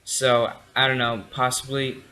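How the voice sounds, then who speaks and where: A man's voice: mid-range voice, flat delivery, unhurried, pushed and bright, rough recording. Tired young man rambling a review. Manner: rambling, full of fillers and restarts. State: tired, yawning. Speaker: TV episode reviewer. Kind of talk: casual spoken review.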